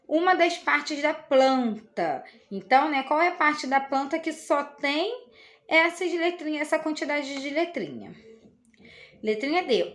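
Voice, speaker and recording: A high-voiced woman with a Brazilian Portuguese accent gives a lesson to young children. She explains patiently and slowly, stopping often to check that they follow. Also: a bit bright. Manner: patient, explains slowly with many tag questions. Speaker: teacher.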